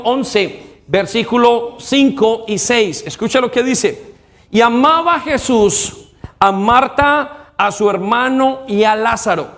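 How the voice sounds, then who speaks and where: High-pitched, gravelly man preaching. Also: a bit bright. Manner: emphatic preaching with call-and-response. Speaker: pastor. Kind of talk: sermon. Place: church.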